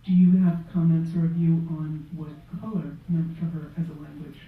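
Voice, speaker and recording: A woman's voice: low voice, flat delivery, normal speed. A woman moderating a literary panel in a bookstore, asking long, hesitant questions full of ums. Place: bookstore event room. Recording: tinny, echoey sound from far off.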